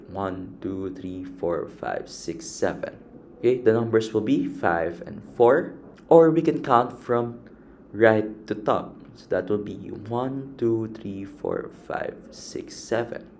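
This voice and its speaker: A man teaches in an unhurried, careful way, walking through each step and counting items one by one. His voice sits on the low side. A faint hiss runs under the recording. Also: a little mellow. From Philippines. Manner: slow, patient, counts items aloud. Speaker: chemistry teacher. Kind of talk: step-by-step classroom explanation.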